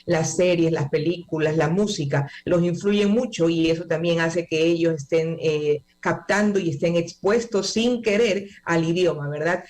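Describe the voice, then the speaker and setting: A woman's voice: sits low, a little mellow. Woman explaining language learning. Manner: measured, explains with pauses and fillers. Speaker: English academy manager, guest. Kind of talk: explanatory interview answers.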